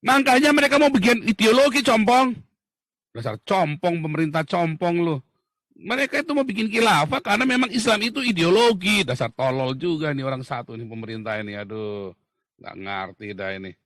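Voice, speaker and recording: A man from Indonesia talking in a heated, casual monologue, blunt and mocking, swinging from loud outbursts to low muttering. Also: expressive, fairly quick, no room sound, clean studio sound. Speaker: talk show speaker.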